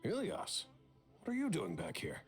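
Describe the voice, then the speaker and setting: A man's voice: a little high, huge pitch swings, moderate pace, soft background music. A man playing a stern, worried older father in a game, with a weary, nagging manner. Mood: reproachful worry. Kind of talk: scripted game voice acting.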